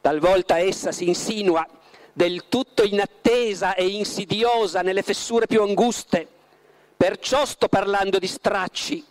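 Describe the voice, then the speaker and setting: A man voicing a sly, slow-talking devil. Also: high voice, voice pushed up. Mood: solemn. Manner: slow, drawn-out, ironic delivery. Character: suave mocking male devil, unhurried and sly. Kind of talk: dramatic reading aloud.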